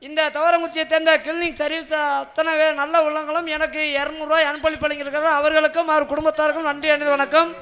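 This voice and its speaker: A man's voice: very high voice, level tone, fast talker, pushed and bright. A man on a village drama stage, reading out notices like an announcer and trading jokes. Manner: reads out a sponsor notice in a chanting, announcer way. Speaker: stage comedian.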